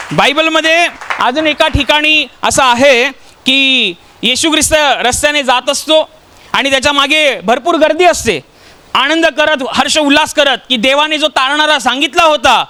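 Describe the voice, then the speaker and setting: A man's voice: very high-pitched, sharp tone. A man from Maharashtra preaching a sermon, telling stories and putting rhetorical questions to the congregation. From Maharashtra, India.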